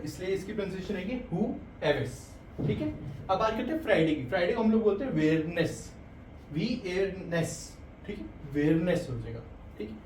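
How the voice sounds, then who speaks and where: A man teaching a language lesson, patiently explaining pronunciation and saying words slowly and repeatedly. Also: high voice, a little mellow, slight background noise. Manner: patient, repeats words slowly, often says "thik hai". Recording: echoey room, mic some distance away.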